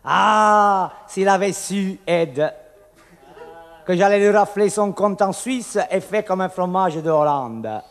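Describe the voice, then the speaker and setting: A man's voice: high-pitched, animated, slow pace, long reverb tail. A man from Corsica performing a comic monologue full of wordplay, acting out the voices in a bar story. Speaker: comedian.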